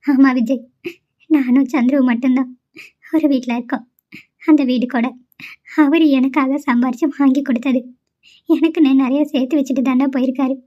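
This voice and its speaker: A woman voicing a kind young widowed mother in an amateur cartoon, soft and affectionate. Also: high-pitched, fairly even intonation, normal speed, pauses often, close to an everyday voice. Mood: sorrowful. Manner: soft, affectionate with the child, tearful about her loss. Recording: lo-fi home recording.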